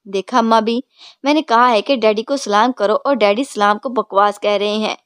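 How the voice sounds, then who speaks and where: A man's voice: high voice, fairly even intonation, a bit bright, clean tone, dry recording, clean studio sound. A woman voicing a cheeky young man who speaks to his father with sly, mock politeness. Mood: mock-polite.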